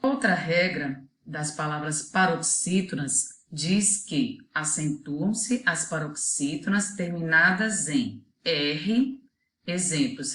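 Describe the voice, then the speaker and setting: Woman teacher, Brazilian Portuguese accent, low and unhurried, careful word-by-word delivery, echoey room. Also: pushed and bright. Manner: slow, deliberate, spells out example words one by one. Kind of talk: children's video lesson.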